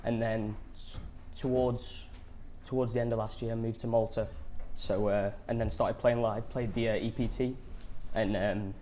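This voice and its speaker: A young man from England, a poker player answering interview questions in a halting way full of fillers. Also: on the low side, little pitch movement, dark tone, a little hiss or hum. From England, near Blackpool. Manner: halting, lots of fillers and repeats. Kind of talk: casual interview.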